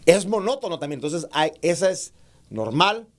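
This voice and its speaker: A man giving an online class on public speaking to preachers, calling them brothers, reading comments and demonstrating raised and lowered voice. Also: very animated, normal speed. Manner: addresses listeners as brothers, reads out chat comments; demonstrates shouting and lowering his voice. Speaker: preaching instructor.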